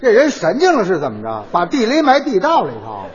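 A man's voice: high-pitched, huge pitch swings, brisk, a faint crowd, a little hiss or hum. A man as the straight man of a crosstalk comedy routine, giving short replies and correcting his partner on a stage. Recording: dull sound, long hall reverb.

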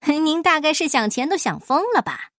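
A woman's voice: high voice, big pitch swings, slow, no echo, clean studio sound, full character voice. A woman voicing a scornful shopkeeper who mocks a miser in a storybook reading. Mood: mocking. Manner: scornful, laughing. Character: mocking shopkeeper man.

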